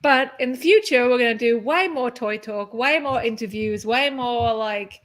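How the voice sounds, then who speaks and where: A woman's voice: fairly high pitch, a bit bright. Chatty woman hosting a live stream. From not from the city where she lives. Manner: chatty, storytelling, quick asides. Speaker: magazine co-founder and live stream host. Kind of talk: casual chat.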